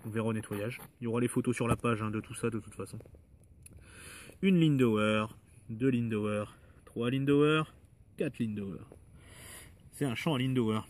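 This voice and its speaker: A man walking through his metal detecting finds in a relaxed, hesitant way, with many fillers and asides. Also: medium pitch, normal speed, long pauses, slight background noise. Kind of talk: casual show-and-tell of finds.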